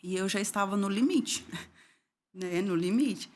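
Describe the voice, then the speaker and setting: Speaking slowly, a middle-aged woman from Brazil gives an emotional personal testimony as an interview guest. When she reaches painful moments, her voice sinks low and turns soft and tearful.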